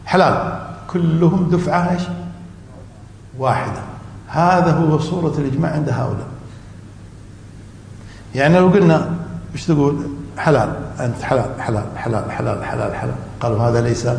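Teaching a class on religious law, a man quizzes his students with half-finished questions and keeps repeating the key terms. His voice is a little high, gravelly, and a touch mellow. The lecture echoes through a hall with faint room noise.

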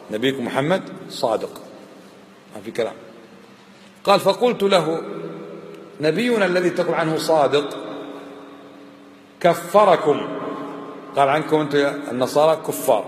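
Insistent teacher in an echoey hall. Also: male voice, fairly high pitch. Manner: insistent rhetorical questioning, emphatic. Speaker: religious teacher. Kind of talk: religious lesson with rhetorical questions. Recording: echoey hall, faint background noise.

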